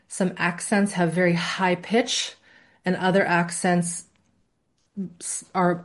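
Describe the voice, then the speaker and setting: A woman instructor teaching a live class in a conversational way, often checking in with her students. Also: lowish voice. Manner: conversational, asks the class questions, demonstrates voices. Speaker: course instructor.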